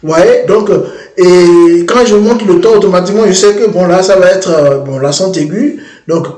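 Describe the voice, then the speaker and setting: A man presenting a language-learning app in a screen-demo tutorial, talking haltingly and often restarting and repeating words. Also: high voice, dark tone, echoey room.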